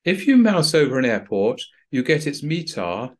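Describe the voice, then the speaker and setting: A man narrating a screen-recorded software tutorial for pilots in a plain, practical, dryly understated way. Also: medium pitch, sing-song, moderate pace. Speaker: flight training instructor.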